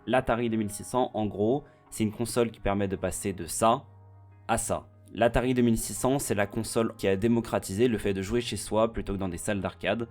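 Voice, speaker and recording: A man's voice: lowish voice, a little mellow. A man narrating a video essay from a script in a chatty, slangy way, speaking straight to the viewer. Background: faint background music.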